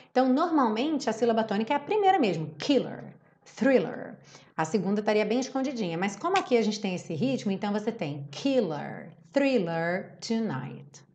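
Brazilian teacher reading song lines slowly. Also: female voice, medium pitch, dull audio. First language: Portuguese. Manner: slowly reads out English lines, then explains quickly. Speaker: English teacher. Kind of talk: pronunciation lesson.

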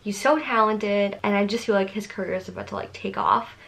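A woman hosting a casual fan reaction vlog. She gushes excitedly and chats freely, with a lot of "like" and "um". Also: mid-range voice, brisk, vocal fry, poor audio. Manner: gushing, excitable, chatty with many "like"s. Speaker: YouTuber reacting to a song.

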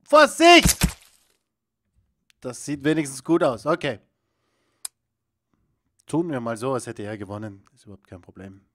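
A young man giving excitable video game commentary, often bursting into loud exclamations. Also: medium pitch, normal speed, pauses often, slight background noise. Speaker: let's play host.

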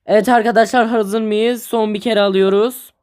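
Brief: young man playing a high, shouty cartoon film director, bossy and clipped. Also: fairly even intonation, normal speed, clean tone, lightly acted. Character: fussy excitable male film director.

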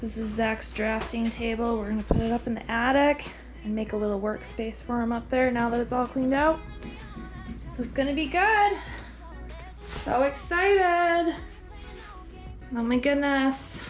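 An American mother in her thirties chats cheerfully to a handheld family vlog camera, gushing with exclamations as she moves through the car, house and yard. Her voice is a little high and unhurried, with long pauses. Music plays in the background.

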